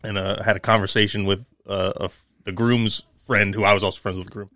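Low-voiced man. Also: little pitch movement, fast talker, a bit bright, dry recording, clean studio sound. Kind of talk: casual chat.

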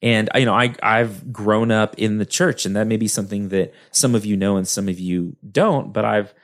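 Guy w a west texas twang, lowish voice, giving an informal talk, kinda halting and chatty. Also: steady tone. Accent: West Texas drawl. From West Texas, United States. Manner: halting, conversational, self-deprecating asides. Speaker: lecturer.

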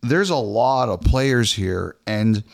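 A man's voice: lowish voice, lively intonation, slow, gravelly. A man co-hosting a hockey podcast in casual chat, often repeating words and restarting sentences.

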